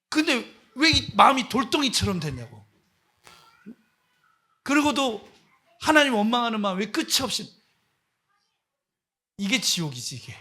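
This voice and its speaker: A male missionary preaches with a high, animated voice that swoops as he scolds and fires rhetorical questions at his listeners. His tone is bright and forceful with a husky grain underneath. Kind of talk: sermon.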